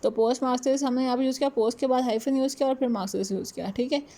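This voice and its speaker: A woman teaching a class on punctuation. She mixes Hindi and English, reads the English examples slowly and checks in often. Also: sits high, steady tone, dark tone. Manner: adds "ठीक है" after points. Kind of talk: lecture on punctuation.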